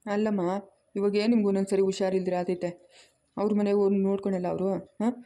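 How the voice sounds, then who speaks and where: A woman's voice: mid-range voice, flat delivery, warm tone, close to an everyday voice. A woman playing a young man who urges his mother to send the boy away, in a homemade family drama. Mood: insistent. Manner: quick, insistent, persuasive.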